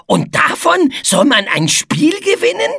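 A woman's voice: sits high, huge pitch swings, unhurried, vocal fry, fairly bright tone, no room sound, studio quality, voice pushed up, heavily acted. A woman voicing a grumpy male bug who growls and garbles his words in a storybook reading.

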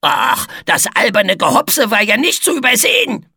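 Storybook: a cranky male bug, voiced by a woman, growls and garbles words, high and breathy. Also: sing-song, moderate pace, pushed and bright, no room sound, studio quality, heavily acted. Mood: grumpy. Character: grumpy male bug who twists words.

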